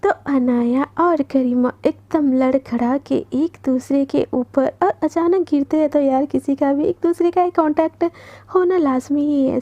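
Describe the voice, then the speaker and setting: Woman narrating a love story, high voice but mellow, chatty and animated. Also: muffled recording. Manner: animated, mixing English into Hindi.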